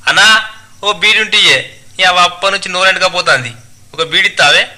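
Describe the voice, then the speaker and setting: A man voicing a quarrelsome village tailor, loud and indignant, with a Telangana Telugu accent. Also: high voice, a little fast, voice pushed up.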